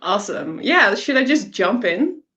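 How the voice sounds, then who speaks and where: A woman from the Netherlands with a Dutch accent, an engineer giving a casual tech talk over a video call, self-deprecating and quick to laugh, with frequent ums. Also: medium pitch, big pitch swings, sharp tone, muffled recording. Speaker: software engineer.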